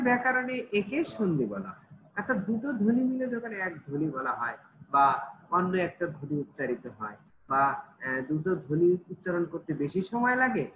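Man, Bangladeshi Bengali accent, online class teacher, animated intonation, faint hiss behind. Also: high-pitched, rough recording. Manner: explains slowly, repeats and checks with "ঠিক আছে?".

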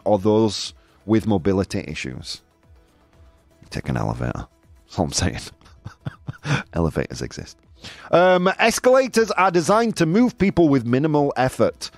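With a mid-range voice and no room sound, a man runs a laid-back live talk show. He jokes around and sounds incredulous at listener comments, animatedly tossing in "dude" again and again.

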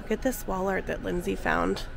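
A woman vlogger with a congested voice, gushing excitedly as she shops through busy stores on camera. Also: on the low side, normal speed, vocal fry, over music. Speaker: shopping vlogger host. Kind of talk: casual shopping vlog. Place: busy stores on a shopping day. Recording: crowd and store noise behind.

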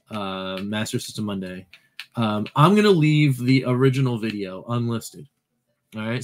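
Rambling man narrating retro gameplay. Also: mid-range voice. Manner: rambling, self-correcting, playful asides. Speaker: retro game channel host. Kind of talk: casual gameplay commentary.

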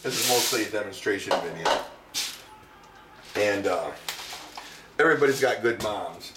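A man's voice: lowish voice, lively intonation, normal speed, very noisy. Wry, self-mocking man in an echoey kitchen. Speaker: home cooking show host. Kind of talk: casual cooking demonstration. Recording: roomy echo, distant mic.

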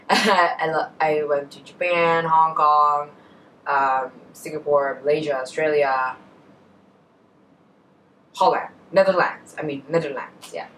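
This beauty vlogger, a young Indonesian woman with an Indonesian accent, answers a tag in a relaxed bedroom chat, fixing her own slips and trailing off into tangents. She speaks slowly in a low, fairly bright voice with fairly even intonation and frequent pauses. Although the camera is only a short distance in front, the recording sounds distant and rough, with a little hiss or hum.

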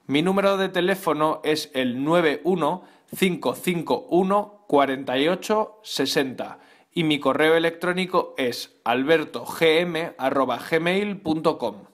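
Slow-spoken man with a Madrid accent. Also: fairly high pitch. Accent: Madrid Spanish. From Madrid, Spain. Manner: slow, deliberate dictation of details. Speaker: voice actor in a language lesson. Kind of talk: scripted self-introduction.

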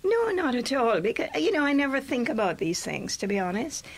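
A woman's voice: on the high side, big pitch swings, brisk. An older woman from Jamaica with a Jamaican accent, speaking as a guest in a radio interview in a reflective, chatty way. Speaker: guest poet. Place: small radio studio, indoors. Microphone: studio microphone on a boom arm.

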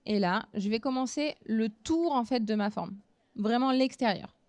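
A woman in her thirties giving a relaxed craft demonstration at a fair booth, talking casually with frequent hesitations. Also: a little high, normal speed, dry recording. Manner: relaxed, chatty, many hesitant fillers. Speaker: craft instructor. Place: small trade-fair stage booth.

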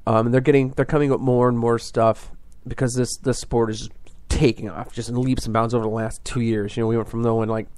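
A man's voice: mid-range voice, level tone, fairly quick, few pauses, a little mellow, dry recording. A man hosting a fishing podcast, explaining things in a casual, rambling way full of fillers and restarts.

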